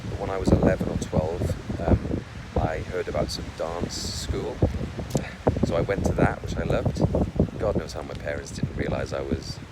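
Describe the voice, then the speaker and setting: Low-voiced man over loud wind. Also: fairly even intonation, normal speed. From Wales. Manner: hesitant, with many fillers and restarts. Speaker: vlogger. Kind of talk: casual personal talk to camera.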